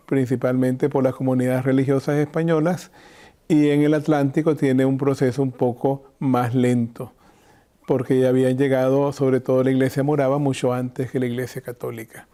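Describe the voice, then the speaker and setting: Being interviewed as a bishop, an older Nicaraguan from Chinandega speaks at an average pitch in a very mellow, relaxed voice. His explanations come across as measured and thoughtful.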